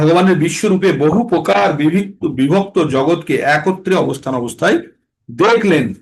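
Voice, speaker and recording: A man leads a scripture class and explains each verse. He talks slowly and sits a little high for a man. Now and then he chants the Sanskrit lines in a drawn-out sung tone, and he often asks a question and answers it himself.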